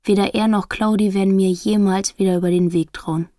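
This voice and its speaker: A woman reading a first-person comic story aloud, with lively, exasperated delivery. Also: medium pitch, a little fast, dry recording, studio quality. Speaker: audiobook reader. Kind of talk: first-person audiobook narration.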